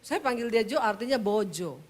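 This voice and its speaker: A woman preacher from Sulawesi with a Sulawesi Indonesian accent, telling teasing, humorous stories in a lively sermon. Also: fairly high pitch, normal speed, slight background noise.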